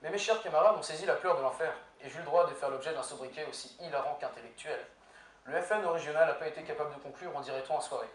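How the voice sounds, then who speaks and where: A young man delivers an ironic, deadpan contest speech in a somewhat high voice. He is caught from a distance in an echoey hall. Faint background noise sits under his words. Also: quick pace. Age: young adult. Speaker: law student competing in an eloquence contest. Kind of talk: prepared humorous contest speech. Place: university lecture hall with audience.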